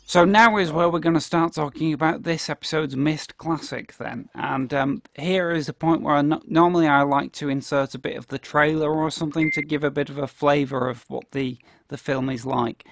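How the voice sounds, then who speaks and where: A man hosts a casual film chat in a rambling, informal manner. His voice is on the high side and very creaky. It is recorded dry and close. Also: steady tone, moderate pace, few pauses, no room sound. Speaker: podcast host. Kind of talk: casual hosted film discussion.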